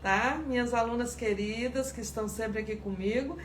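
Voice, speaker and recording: A woman's voice: fairly high pitch, normal speed. A woman teaching sourdough on a live stream, chatty and greeting viewers by name. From Espírito Santo, Brazil. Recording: echoey room with faint background noise.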